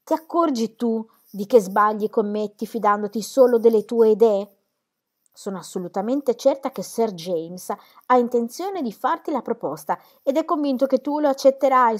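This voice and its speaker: A woman reading aloud and voicing Celia, a sharp, teasing young woman who talks in a quick, insistent way. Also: fairly high pitch, pitched above the performer's own voice, natural voice. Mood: needling.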